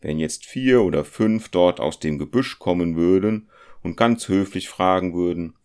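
A man's voice: low-pitched, a little slow, darkish tone, smooth. A practical, unflappable craftsman talks his nervous friend down, as a man reading a story puts him on. His voice is firm, slightly raised and matter-of-fact. He sounds reassuring and mildly dismissive, in the manner of a storybook. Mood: persuading. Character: calm, practical male compass-smith traveller.

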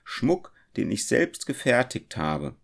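A man's voice: on the low side, big pitch swings, slow, vocal fry, voice pushed up, heavily acted. Man voicing an earnest young goldsmith, lifted tone, polite storybook hero. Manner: polite, moved.

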